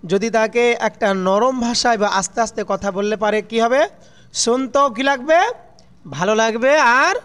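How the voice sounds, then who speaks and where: A man's voice: sits high, fairly bright tone. A man teaching children a religious lesson, asking questions and answering them himself in a falling tone, call-and-response style.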